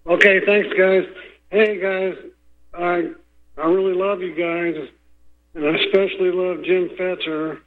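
A man phones in to a radio show, his voice sitting slightly above the usual male range. He rambles earnestly and keeps clearing his throat. The sound is tinny and thin, like a phone line. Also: sits high, little pitch movement, measured pace. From Houston, Texas. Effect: call-in voice heard over a phone line.

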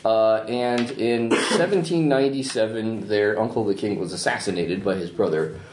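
A man with a lowish voice casually narrates a tabletop game as its game master. The recording is roomy, with faint noise behind him. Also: moderate pace, darkish tone.

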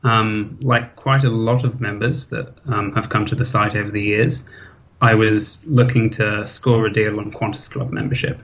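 A man in his thirties with a British accent, talking casually as an interview guest, often pausing with ums and restarting sentences. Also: on the low side, little pitch movement, fairly bright tone, lo-fi sound. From Hong Kong. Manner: hesitant, many ums and restarts. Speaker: interview guest, forum member.

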